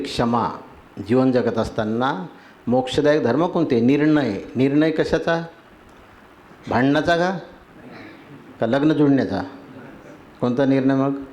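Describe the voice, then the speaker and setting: His voice mid-range and darkish, a spiritual teacher leads a devotional sermon. Terms come in rhythmic runs, and he frequently asks the audience whether they agree.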